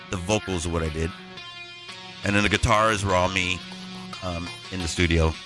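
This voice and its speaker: A man's voice: sits low, vocal fry, a bit bright, no room sound. A man who produces music, talking casually through a tutorial, rambling and restarting his sentences.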